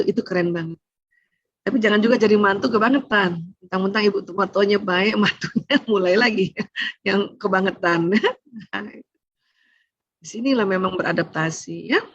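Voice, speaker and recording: A middle-aged woman giving a lively religious family seminar, acting out quoted mothers-in-law and saying "ya" often. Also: medium pitch, slightly rough, no room sound. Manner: animated, acts out quoted mothers-in-law, frequent "ya". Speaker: seminar speaker on family relations. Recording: dull lo-fi seminar recording.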